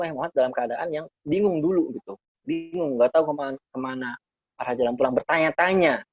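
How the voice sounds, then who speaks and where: A man's voice: medium pitch, no echo. A man teaching a casual Quran study session, explaining Arabic verses phrase by phrase and repeating key words to listeners he treats as friends. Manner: addresses listeners as friends, relaxed and conversational. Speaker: Islamic teacher. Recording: slightly dull lo-fi recording.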